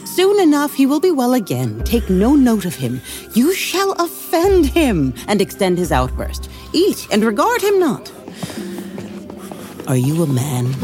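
A woman's voice: fairly high pitch, wildly swooping pitch, a little slow, darkish tone, soft background music. A woman playing a commanding queen, scolding and cutting in Shakespearean verse. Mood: scornful. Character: scornful commanding queen, female. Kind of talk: Shakespearean acting.

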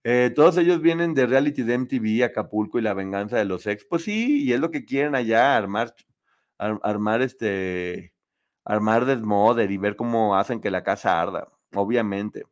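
A man hosting a casual live show, chatting opinionatedly and reading viewer comments. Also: normal speed. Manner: chatty, opinionated, lively pitch swings.

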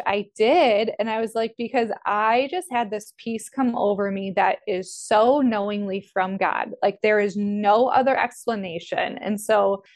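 A young woman speaks in a faith-centered interview, earnest and reflective. Her voice sits in a middle register as she recounts her story with quiet conviction. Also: mid-range voice. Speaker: coaching student, nutrition business owner. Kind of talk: faith-based interview conversation.

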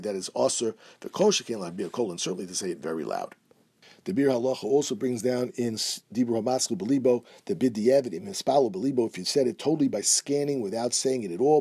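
Fast-talking husky man teaching halacha. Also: medium pitch, dark tone. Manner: reads Hebrew and Aramaic quotes, then explains in English. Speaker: Torah teacher. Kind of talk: halacha class, reading and translating texts.

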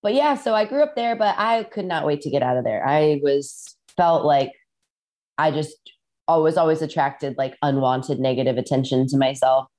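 A musician guest from the Midwest talks over a video call at a normal speed, her low-pitched voice warm in tone. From her farmhouse in rural Iowa, she tells meandering stories loaded with "like"s and other fillers.

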